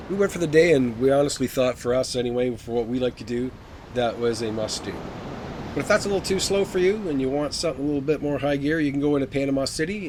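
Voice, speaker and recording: A man giving a conversational, informal travel vlog narration in a walk-and-talk style. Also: medium pitch. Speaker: travel vlogger. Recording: noisy outdoor audio with ambient sound.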